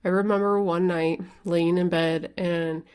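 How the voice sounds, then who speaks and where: A life coach hosts her own podcast in a solo monologue, candid and casual, peppering her chatty speech with "like" and the occasional mild swear word. Her low-leaning voice is steady, smooth and darkish, delivered at a measured pace.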